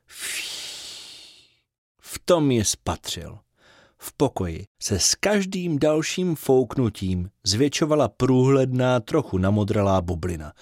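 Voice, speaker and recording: A man reading a children's bedtime story aloud in an expressive, sing-song way. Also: mid-range voice, dry recording, clean studio sound.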